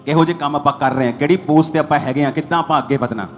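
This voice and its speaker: Here a pastor, a man with a fairly high voice, preaches at a rapid clip. He repeats short bursts to land each point, and gentle music plays behind him.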